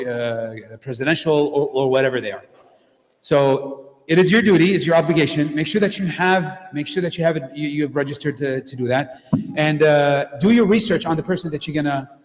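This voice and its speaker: A middle-aged man giving a direct, plainspoken talk as a guest speaker at a mosque, with frequent fillers and restarts. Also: fairly high pitch. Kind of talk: informal community talk with Q&A. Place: mosque hall. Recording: echoey hall with long reverb.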